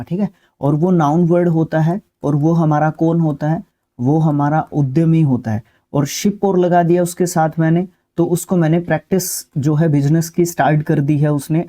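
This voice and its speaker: A man teaching vocabulary in a relaxed, explanatory lesson, checking in often with his listeners and pausing on filler sounds. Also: fairly high pitch. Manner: repetitive, with "ठीक है" check-ins and filler sounds. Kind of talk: explanatory lesson, talking through word lists.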